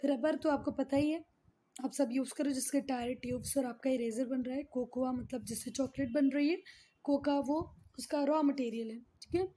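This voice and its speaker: A woman's voice: high voice, steady tone, moderate pace, dark tone. A woman teacher giving a geography lesson, mixing in English terms, repeating key words and quizzing her pupils affectionately. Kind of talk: classroom geography lesson, Hindi mixed with English.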